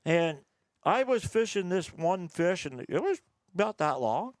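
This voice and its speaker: A man's voice: sits high, big pitch swings, unhurried, dry recording. An older man spinning rowdy, profane yarns about old friends in casual conversation. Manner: rowdy, profane yarn-spinner who laughs at his own tales. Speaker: guest recalling old times. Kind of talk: casual storytelling.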